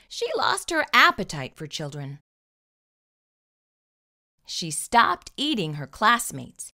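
A woman reads a children's storybook aloud with expressive, deliberate storytelling. Her voice sits in the mid range, and she hosts a storybook read-aloud.

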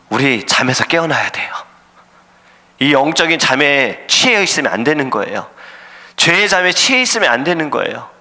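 Bright-voiced pastor preaching in a reverberant hall. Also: male voice, fairly high pitch. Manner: earnest preaching, acts out shouting sailors and God's voice. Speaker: senior pastor. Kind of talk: sermon. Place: church sanctuary.

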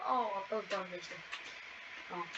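A woman commentating a video game as she plays, excitable and exclaiming at every fail and win. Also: mid-range voice, brisk. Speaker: gaming channel host. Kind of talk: live gameplay commentary. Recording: distant, muffled mic with loud background noise.

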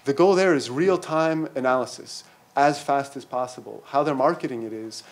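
A middle-aged man speaking at a conference panel, halting and full of fillers and restarts, into a table microphone in a lecture hall. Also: medium pitch. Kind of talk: academic conference talk. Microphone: table mic on stand.

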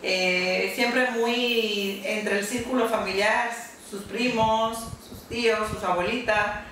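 A woman's voice: mid-range voice, fairly even intonation, takes it slowly, fairly bright tone, a little hiss or hum. A middle-aged woman fondly recalling family memories, seated on a couch in a living room. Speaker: family member of contestant. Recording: roomy, distant sound.

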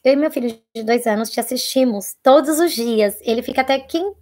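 A young Brazilian woman with a husky voice, hosting a casual live Q&A, chatting and reading viewer questions aloud, sometimes dropping to a hush. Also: on the high side, a little fast. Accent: Brazilian Portuguese. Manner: chatty, reads viewer comments aloud, drops to a hushed voice for private topics. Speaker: live-stream host answering viewer questions.

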